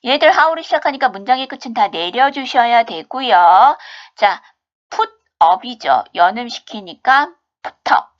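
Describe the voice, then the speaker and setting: Lively woman teaching English pronunciation. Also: on the high side, dull audio. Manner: explains step by step, asks and answers her own questions; breaks into slow, exaggerated English example sentences. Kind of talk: recorded online English lesson.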